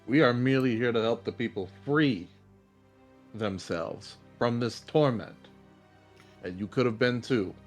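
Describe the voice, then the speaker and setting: A man's voice: medium pitch, measured pace, close to an everyday voice. A man playing a grave, defiant hero in a tabletop game, speaking in a solemn, declamatory way. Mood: solemn, accusing. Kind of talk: in-character tabletop role-play speech. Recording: music behind the voice.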